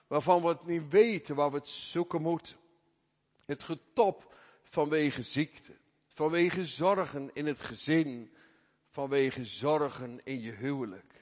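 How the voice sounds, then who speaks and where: A man delivers a sermon in a church. He speaks slowly, with a somewhat raised pitch. He moves between hushed low asides and loud, emphatic calls. His voice carries a long reverb from the church hall. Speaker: pastor.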